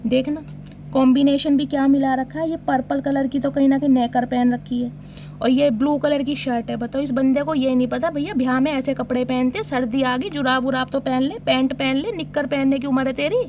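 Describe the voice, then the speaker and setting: A woman's voice: sits high, steady tone, brisk, darkish tone, a little hiss or hum. A woman giving a casual tarot reading, teasing and joking as she talks to her viewers. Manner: teasing, jokey commentary addressing viewers. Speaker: tarot reader.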